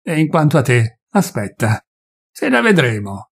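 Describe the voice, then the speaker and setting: A man voicing a desperate poor peasant who rages and pleads, his husky voice pushed high. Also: very animated, measured pace, heavily acted. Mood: furious. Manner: shouting, raw and pleading.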